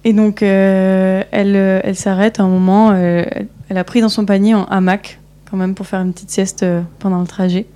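A woman's voice: mid-range voice, level tone, brisk, warm tone. A woman telling a story on live radio, hesitant with many fillers.

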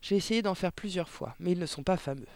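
A man voicing a clever, polite little girl pupil in an audiobook, earnest and matter-of-fact, raising his pitch for her. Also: fast, dry recording. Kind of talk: audiobook character voice.

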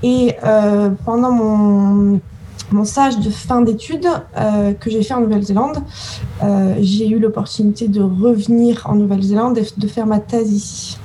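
Woman in her 30s, soft mellow tone, kinda hesitant answering questions, some noise behind her. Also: medium pitch, steady tone, unhurried, rough recording. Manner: hesitant, searching for words. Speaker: interview guest, scientist.

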